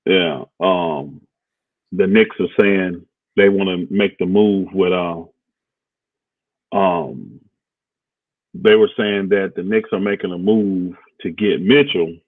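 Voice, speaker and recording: A deep-voiced man talks through sports news in a loose, rambling way, pausing on fillers as he thinks aloud. The sound is dry and thin, like a phone line. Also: no echo. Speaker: co-host of a basketball talk stream. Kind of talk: casual sports talk livestream.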